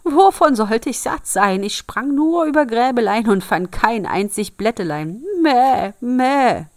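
Lying nanny goat for a fairy-tale read-aloud, high and bleating, played by a woman. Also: animated, unhurried, no room sound, clean studio sound. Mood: indignant whining.

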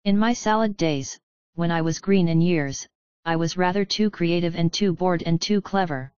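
A woman's voice: lowish voice, normal speed, a little mellow, smooth, no echo, muffled recording, natural voice. A woman voicing a clever, blunt teenage boy wizard in a dry, matter-of-fact way, in a storybook reading.

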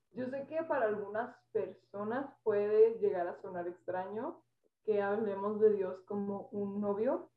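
A woman speaks reflectively about faith in a casual, explanatory way. She sits well back from the microphone, and her voice sounds thin, like a phone line, in a roomy echo. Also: medium pitch. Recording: tinny phone-like sound, echoey, far from mic.

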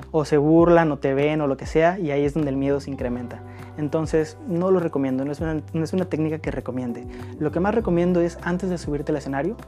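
Mellow-voiced man giving podcast advice. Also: a little high. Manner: reads out listener questions and answers them in a relaxed, coaching way. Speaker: podcast host.

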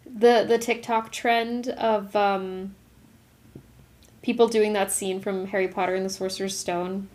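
A young woman co-hosting a podcast in casual chat, lively and quick to laugh. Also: mid-range voice. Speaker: podcast co-host.

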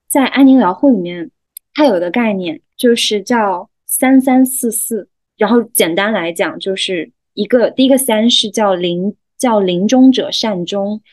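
Calm young woman explaining gently. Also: mid-range voice, no room sound, poor audio. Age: young adult. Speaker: hospice volunteer guest. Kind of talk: podcast conversation.

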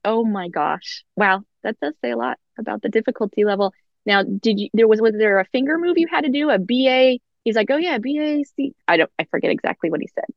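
A woman's voice: on the high side, expressive, fast talker, creaky, dry recording, dull audio. A young woman, a podcast guest, who is effusive and giggles often. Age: young adult. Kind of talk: casual podcast chat.

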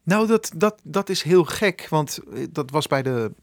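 A man with a somewhat high voice talks casually in a radio interview. He is agreeable and thoughtful, feeling for his words, and the sound is dry and free of room echo. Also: lively intonation, a little slow. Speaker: radio guest, singer.

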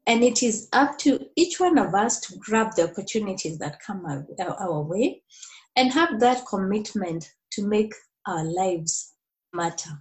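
A woman's voice: mid-range voice, lively intonation, measured pace, darkish tone, low-quality recording. A middle-aged woman from Kenya with a Kenyan accent, answering conversationally as an interview guest on a call. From Nairobi, Kenya. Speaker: podcast guest.

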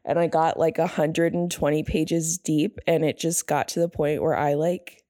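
A young woman co-hosting a casual book podcast, hoarse and gravelly from being sick, rambling and trailing off as she talks. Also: sits low, steady tone, moderate pace, mellow, dry recording, clean studio sound. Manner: rambling, self-deprecating, trails off mid-sentence. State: hoarse from illness. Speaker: podcast co-host.

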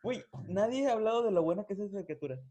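A young man with a Mexican Spanish accent, making quick slangy wisecracks in a casual podcast chat. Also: sits high, lively intonation, dark tone. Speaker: podcast co-host. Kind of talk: casual chat among friends.

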